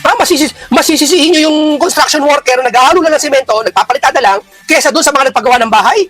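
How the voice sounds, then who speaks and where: Casting: high-voiced man, rapid, indignant political commentary over a faint music bed. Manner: indignant, rhetorical questions, bursts of shouting. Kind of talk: heated political reaction talk.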